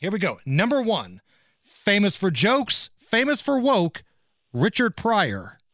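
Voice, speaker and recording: A male radio host in contest promo mode, pitched high with a bright, forceful edge. He announces giveaways in a punchy way, close and dry on the mic. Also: huge pitch swings, slow, no room sound. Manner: punchy, announcing a ticket giveaway and phone number.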